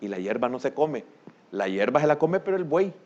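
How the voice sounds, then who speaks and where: With a sing-song delivery at a fairly quick clip, an older Salvadoran-accented pastor preaches, bursting out loudly and then dropping into a murmur. The sound is dull.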